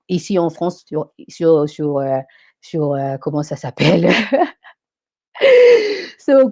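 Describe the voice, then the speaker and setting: Motivational woman host, mellow and dry. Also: sits low, no room sound. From Africa. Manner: emphatic, repetitive, motivational, mixes in English phrases. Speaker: live show host and coach. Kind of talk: live stream monologue. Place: France.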